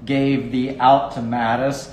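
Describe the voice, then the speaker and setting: A man's voice: mid-range voice, little pitch movement, takes it slowly, darkish tone, a little hiss or hum. A man hosting a casual interview, recapping events and explaining details for viewers, with an easy laugh. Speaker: host. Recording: echoey room.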